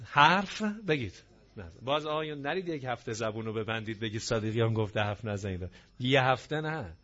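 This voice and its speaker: The audio is dull and lo-fi: a man preaching a religious sermon to listeners in a gathering hall. His mid-range voice is fairly bright, and he speaks emphatically, leaning heavily on rhetorical questions.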